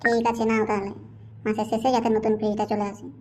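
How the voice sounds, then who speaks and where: A woman voicing a nagging, quick-tempered young housewife in a cartoon, scolding her husband. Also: medium pitch, flat delivery, warm tone, slight background noise, close to an everyday voice. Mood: bossy. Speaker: wife character. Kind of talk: cartoon voice acting.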